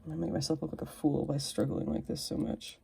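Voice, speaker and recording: A woman's voice: low-pitched, level tone, fast talker, creaky, dark tone, slightly rough. A woman reviewing and unboxing a collectible figure in casual, self-deprecating chat, drifting into whispers while she fiddles with it. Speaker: toy reviewer.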